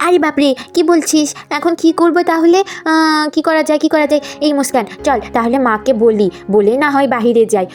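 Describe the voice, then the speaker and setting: Woman doing whiny little schoolgirl twins, really high, begging and stammering. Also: steady tone, brisk, hardly any pauses, soft background music, lightly acted. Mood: whispering. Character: mischievous little twin schoolgirls. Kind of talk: puppet story voice acting.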